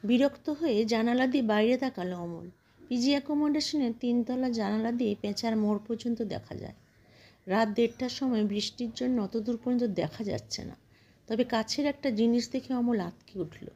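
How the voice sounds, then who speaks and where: A woman reading a short story aloud in a steady, measured narration. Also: fairly high pitch, muffled recording. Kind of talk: scripted narration.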